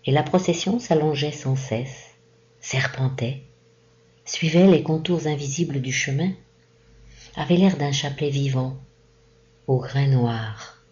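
A woman reading a classic short story aloud in a slow, measured, expressive narration. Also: rumbling low, muffled recording. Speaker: reader. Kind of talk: literary audiobook narration.

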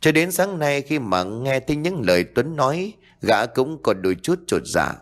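A man narrating a ghost story in a steady, dramatic way. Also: medium pitch, moderate pace.

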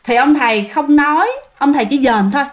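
A woman with a Southern Vietnamese accent telling a ghost story in a chatty, drawn-out way, often addressing her listeners. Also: sits high.

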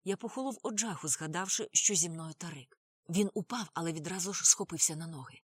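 A woman narrating a novel as an audiobook, reading expressively with sudden lifts and drops in pitch. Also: brisk, slightly rough, no room sound.

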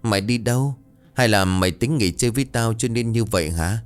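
A heartbroken village boy in a told ghost story, pleading with his friend, voiced by a male narrator. The voice is low, close to the reader's own, with faint music behind. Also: a little fast, clear, resonant tone, close to an everyday voice.

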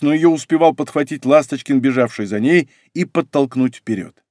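Male audiobook narrator, fairly high voice, dry close mic, steady tense delivery. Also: no echo.

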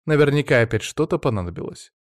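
A man voicing a gruff, sarcastic female soldier in an audiobook, grumbling and rude. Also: medium pitch, expressive, fast, no room sound, studio quality, voice pushed up, lightly acted. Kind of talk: audiobook reading.

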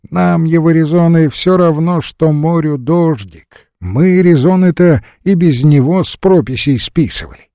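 A man's voice: on the high side, mellow, no echo, studio quality, pitched above the performer's own voice. A man reading an audiobook voices a blunt, sardonic old army major who scoffs in folksy sayings. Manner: scoffing, proverb-laden.

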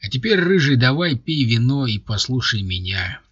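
A man's voice: medium pitch, big pitch swings, normal speed, a bit bright, slightly rough, no echo, dull audio. A man voicing a flustered hero who lectures and then protests in exasperation. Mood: lecturing. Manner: exasperated, pleading.

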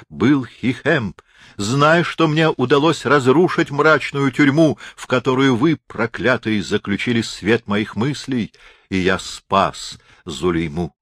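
A man voicing a proud, bitter Moorish knight, declaiming loud and high in an audiobook reading. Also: no echo, studio quality.

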